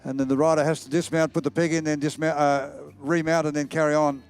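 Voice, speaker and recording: A man with a croaky, slightly hoarse voice giving live commentary on horse sport as an event commentator. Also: on the high side, level tone, quick pace. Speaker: race commentator.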